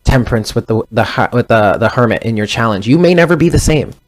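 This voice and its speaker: Expressive and a little fast, this medium-pitched male tarot reader in his thirties talks through a casual reading. His delivery is rambling and conversational, often stopping to correct himself partway through a sentence.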